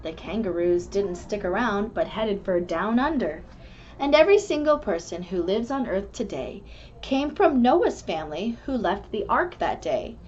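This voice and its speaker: A woman with a mid-range voice, host of a kids' club, reads a rhyming picture book aloud and then explains the story casually to children in an earnest, instructive way. The sound is muffled and lo-fi, with faint background noise.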